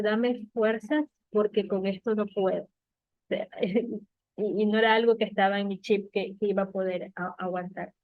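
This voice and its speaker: A woman sharing a personal faith testimony, emotional and halting, with soft laughs and tearful moments. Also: medium pitch, no echo. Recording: tinny phone-like sound.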